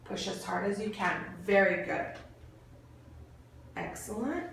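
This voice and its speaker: A woman's voice: medium pitch, animated, slow, creaky, a bit bright. A woman clinician giving step-by-step exam instructions in an encouraging way, with short bits of praise. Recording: very echoey room, distant mic, faint noise.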